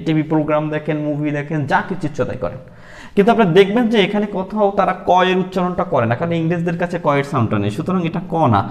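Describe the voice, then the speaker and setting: A man's voice: fairly high pitch, lively intonation, in a large hall. Casting note: male teacher from Bangladesh, slightly raised voice, patient drills with fillers. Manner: repeats sounds slowly, with many fillers. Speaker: English teacher. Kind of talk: explaining letters and sounds step by step.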